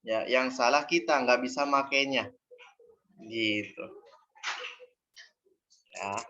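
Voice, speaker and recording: Slow-paced and mid-range, the man's voice comes across bright and forceful as he patiently explains Quran recitation online and drills syllables aloud. The recording sounds dull and carries faint noise.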